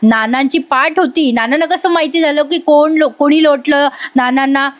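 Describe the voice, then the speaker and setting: A woman's voice: high voice, moderate pace. A woman giving a chatty voice-over review of a TV serial episode, speaking directly to viewers.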